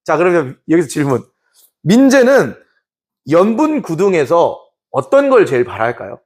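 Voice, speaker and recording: A man teaching a Korean history class in a lively way, now and then acting out short scenes in put-on voices. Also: fairly high pitch, normal speed. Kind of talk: classroom lecture.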